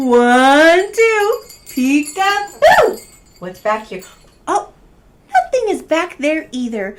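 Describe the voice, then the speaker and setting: Female kids' storytime host: playful magic-show entertainer, unhurried, highly animated delivery. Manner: exaggerated questions and exclamations addressed to young children. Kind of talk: interactive children's storytime.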